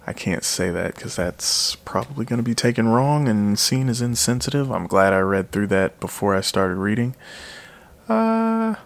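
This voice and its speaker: A man's voice: medium pitch, very animated, normal speed, creaky. A man giving a casual, rambling spoken review of a metal album, often correcting himself and trailing off into mumbles.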